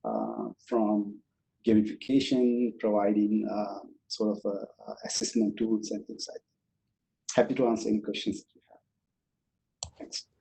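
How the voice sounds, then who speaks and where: A man introducing his research on a panel, halting and full of fillers. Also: fairly low pitch, flat delivery, vocal fry, dark tone, poor audio. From Sri Lanka. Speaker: computer science professor.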